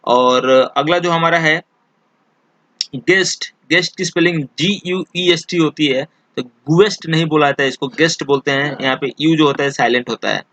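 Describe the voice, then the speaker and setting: Bright-voiced man teaching an exam lesson. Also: fairly high pitch, dry recording. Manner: explains slowly, repeats points, many fillers. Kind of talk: recorded exam-prep lesson.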